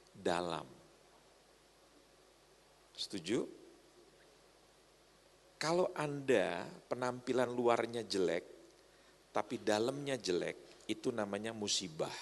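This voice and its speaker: A man preaching a humorous sermon to a congregation, often stopping to ask if they agree. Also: medium pitch. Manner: joking, often asks the crowd to agree. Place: church hall. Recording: long church hall reverb.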